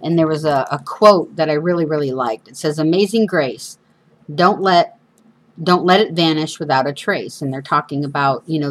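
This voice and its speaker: A woman with whistling sibilants from missing front teeth, hosting a casual, chatty craft demonstration with informal, self-deprecating asides. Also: low-pitched. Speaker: craft show host. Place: indoors at a craft table.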